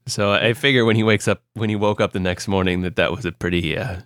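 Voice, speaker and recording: A man's voice: on the low side, steady tone, fast, fairly bright tone, clear, resonant tone, no room sound, studio quality. A young man from Ohio co-hosting a podcast, telling stories in a casual, rambling way with lots of fillers and restarts. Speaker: podcast co-host. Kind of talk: casual chat.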